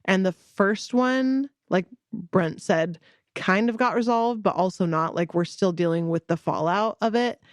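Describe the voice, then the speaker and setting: A woman's voice: medium pitch, unhurried, no room sound, clean studio sound. A woman in her thirties co-hosting a podcast, chatting in a rambling way and laughing often. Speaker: podcast co-host. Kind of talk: casual chat.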